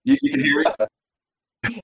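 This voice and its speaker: A man talking as a guest over a video call, casual and halting, often restarting his sentences. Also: a bit bright, roomy sound, lo-fi sound. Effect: heard over a video call. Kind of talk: casual chat.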